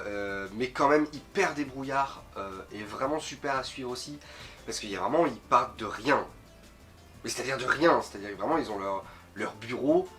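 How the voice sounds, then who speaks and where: A man's voice: mid-range voice, fairly bright tone. A man with a nasal, sniffly voice from a slight cold, giving an informal, rambling film review as host, often stumbling and repeating words. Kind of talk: casual film review talk to camera.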